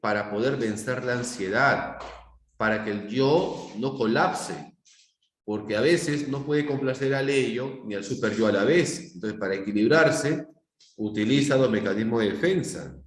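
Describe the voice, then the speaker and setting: A man's voice: medium pitch, a little slow. A middle-aged Peruvian man teaching a psychology class, explaining with everyday examples and often checking whether the students follow. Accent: Peruvian Spanish. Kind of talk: live online class lecture. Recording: echoey room.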